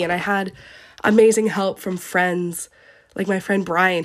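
A young woman from eastern Canada hosting a podcast, talking earnestly and at length, her voice sounding sick. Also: fairly low pitch. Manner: earnest, gushing, rambling. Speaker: podcast host. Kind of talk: heartfelt solo podcast farewell.

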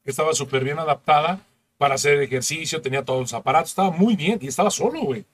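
A man's voice: fairly high pitch, fast, fairly bright tone. A man with a Mexican accent co-hosting a comedy podcast, bantering crudely with lots of slang and laughter. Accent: Mexican Spanish. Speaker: podcast co-host. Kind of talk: casual comedy chat.

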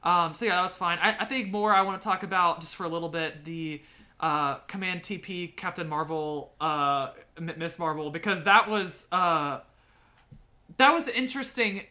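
A woman's voice: lowish voice, normal speed, sharp tone. A woman co-hosting a podcast, chatting casually and rambling with lots of fillers and restarts. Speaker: podcast co-host. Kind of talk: casual chat.

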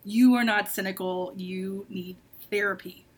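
A woman nearing thirty talks openly in a casual book discussion. She is frank and intense, and her speech is full of "like" fillers. Her voice sits at an everyday middle pitch. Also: fairly even intonation, unhurried. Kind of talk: casual book-club chat.

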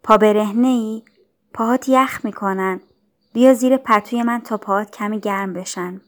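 A woman voicing a gentle young girl who is dying, speaking softly, mildly and calmly. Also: medium pitch, close to an everyday voice. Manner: soft, mild and calm.

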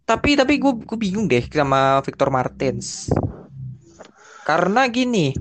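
A young man with a fairly high-pitched voice chats loosely as a podcast co-host. He talks in slang, often stops to restart a phrase and drops in English words. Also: big pitch swings, a little slow, a little hiss or hum. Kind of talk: casual chat.

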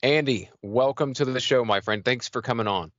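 Man, podcast host, rambling, self-deprecating, casual chat, mid-pitched voice, very dry sound. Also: normal speed, a bit bright, no room sound, muffled recording.

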